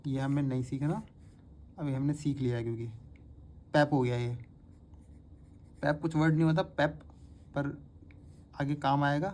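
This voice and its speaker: Teacher walking beginners through shorthand strokes, recorded on a phone, with steady and patient repetition. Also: mid-range voice, slight background noise. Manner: patient, repeats each word several times. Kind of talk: step-by-step spoken lesson.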